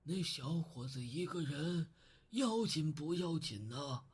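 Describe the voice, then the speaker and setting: An actor voicing a friendly old male neighbor in a visual novel, speaking in a slow, chatty, kindly way. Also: fairly high pitch, expressive, husky, exaggerated voice.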